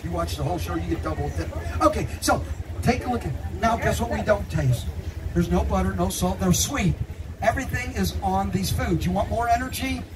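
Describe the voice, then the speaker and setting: A middle-aged man from Missouri gives a live cookware sales demonstration in an open tent at an outdoor fair, joking with the crowd in a folksy way. His voice sits high and brisk, picked up by a distant mic with background noise.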